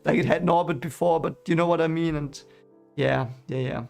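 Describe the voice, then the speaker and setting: A fairly high-pitched, steady voice, brisk and creaky yet a little mellow, belongs to a German-accented man whose first language is German. As a streamer reading a book series, he chats casually with his live chat about his book, rambling with frequent fillers and restarts while faint music plays behind him.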